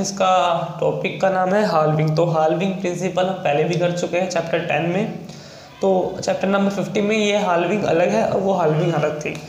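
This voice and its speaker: A man's voice: high-pitched, a little mellow, reverberant, low-quality recording. A man from India teaching a shorthand lesson, explaining step by step and spelling words out letter by letter. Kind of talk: classroom lesson.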